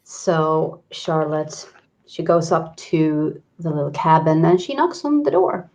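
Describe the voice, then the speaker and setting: A woman taking part as a player in a tabletop game, speaking in a measured, thoughtful way. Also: low voice, darkish tone.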